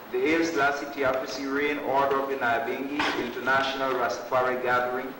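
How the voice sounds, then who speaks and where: Male speaker, Rastafari speech, halting and deliberate event announcer. Roomy, far from the mic, some noise. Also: mid-range voice. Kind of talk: public announcement at a gathering. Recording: echoey, distant microphone with background noise.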